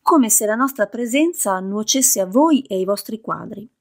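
A woman voicing a stout, serious older father who speaks slowly and gravely, sighing heavily. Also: mid-range voice, animated, natural voice. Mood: stern. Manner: slow, grave, heavy sighs.

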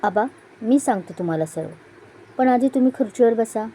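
A woman's voice: fairly high pitch, expressive, fairly quick, warm tone, a little hiss or hum, natural voice. A woman voicing an earnest, respectful young wife speaking to her elders, in an audio story.

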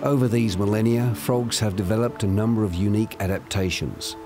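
A man reading scripted nature documentary narration in a measured, storytelling manner. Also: on the low side, fairly even intonation, over music.

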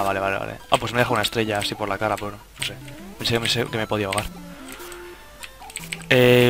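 Swearing young gamer from Spain. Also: male voice, fairly low pitch. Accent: Spain Spanish. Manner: casual, swearing, self-interrupting. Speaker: gaming YouTuber. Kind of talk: let's play commentary. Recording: game music behind the voice.

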